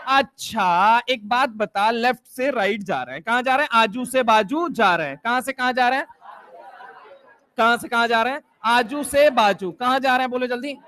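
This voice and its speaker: A young man teaching chemistry in a lively classroom lecture, firing repeated questions and teasing his students. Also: very high-pitched, normal speed, a faint crowd. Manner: repetitive call-and-response questioning.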